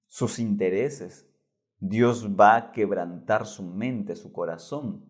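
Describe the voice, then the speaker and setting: Gravelly low-voiced preacher. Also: male voice. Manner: swings between loud emphasis and hushed softness. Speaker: pastor. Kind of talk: Bible lesson sermon.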